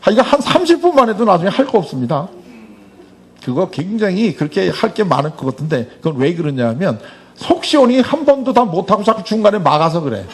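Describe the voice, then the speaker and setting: A man's voice: high-pitched, brisk, breathy edge. A middle-aged man telling a story in a church talk, acting out the dialogue as he goes. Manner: animated storyteller, acts out quoted dialogue. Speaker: speaker at a church Bible school.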